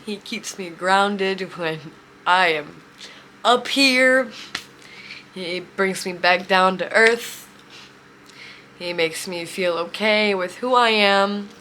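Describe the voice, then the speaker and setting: Slow, bright-voiced young woman, tearful. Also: medium pitch, slight background noise. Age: 20s. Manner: heartfelt, tearful, halting. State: emotional, near tears. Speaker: vlogger. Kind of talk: emotional personal storytelling.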